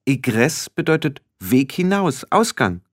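A man's voice: mid-range voice, sing-song, a little slow, no room sound, clean studio sound, pitched above the performer's own voice. A man voicing a sensible, brave young girl witch, speaking earnestly with a raised voice. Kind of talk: audiobook character voice.

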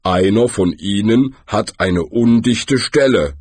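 A man voicing a huge, gloomy male troll who speaks slowly and deliberately. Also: a little mellow, slightly rough, no echo. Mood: earnest. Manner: slow, deliberate and rumbling.

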